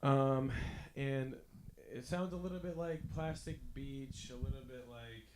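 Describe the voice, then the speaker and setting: A man's voice: mid-range voice, a little slow, darkish tone. A laid-back man in a casual podcast chat, speaking into a poor microphone. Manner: laid-back, enthusiastic about music. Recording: roomy, echoey cheap mic.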